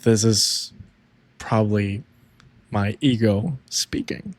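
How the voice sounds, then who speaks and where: Slow, reflective man on a faith podcast. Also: on the low side. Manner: slow, reflective, halting, with frequent "yeah" backchannels. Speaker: podcast co-host. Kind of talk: casual faith talk.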